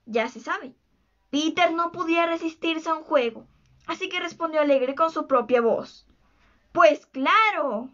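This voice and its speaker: A woman reading a children's book aloud as a storyteller, slow and expressive. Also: very high-pitched, highs cut off.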